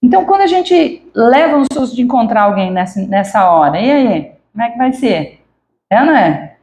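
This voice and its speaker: Woman lecturer with a gravelly, mellow voice. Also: on the high side, very animated, moderate pace. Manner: conversational, asks the audience questions. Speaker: spiritist lecturer. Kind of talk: lecture to a congregation. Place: spiritist center lecture hall. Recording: echoey hall.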